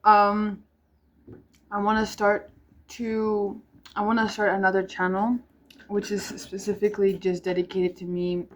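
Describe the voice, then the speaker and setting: Talking to camera at home with music drifting up from downstairs, this young Afrikaans-speaking South African vlogger has a mid-range voice, a level tone and a measured pace. There's slight background noise as she rambles casually, full of ums and restarts.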